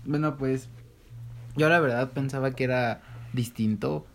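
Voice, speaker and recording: A young man with a Mexican Spanish accent telling anecdotes in a relaxed podcast chat. His voice sits at an ordinary middle pitch, and he laughs his way through his own stories. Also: unhurried, gravelly. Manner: storytelling, laughs while recounting. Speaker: podcast co-host.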